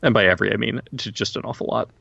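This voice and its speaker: A man's voice: lowish voice, very fast, creaky, a bit bright, husky, no echo, lo-fi sound. A man from Maryland co-hosting a podcast, chatting casually and joking, often laughing. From Baltimore County, Maryland. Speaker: podcast co-host. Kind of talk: casual chat.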